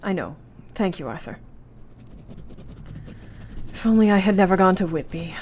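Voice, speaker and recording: In a radio play, a woman portrays an earnest, anxious young Victorian wife who is devoted and thoughtful, speaking in formal, precise period phrasing. Her voice is on the low side and a little mellow, with lively intonation and a normal speed. The mood is warm and grateful, with slight background noise.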